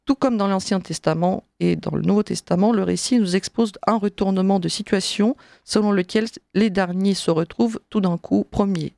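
A woman reading a religious text aloud in a measured, solemn way, then giving her commentary on it, with the odd slip. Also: mid-range voice, gravelly, warm tone, no echo, studio quality. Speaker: reader and commentator.

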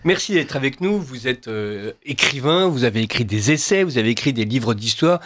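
A man's voice: medium pitch, expressive, moderate pace, a bit bright. A man interviewing and chatting casually on a radio talk show.

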